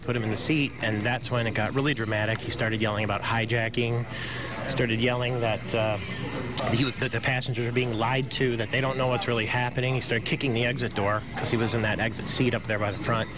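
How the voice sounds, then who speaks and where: A man's voice: medium pitch, fairly even intonation, brisk, a crowd in the background. A man recounting what he saw as an eyewitness in a news interview. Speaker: eyewitness passenger. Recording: noisy interview with vehicle ambience.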